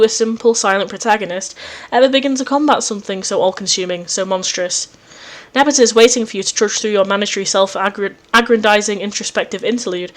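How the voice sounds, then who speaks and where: A woman reading a visual novel aloud and chatting about it, gushing and easily excited. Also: medium pitch. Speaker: let's play host.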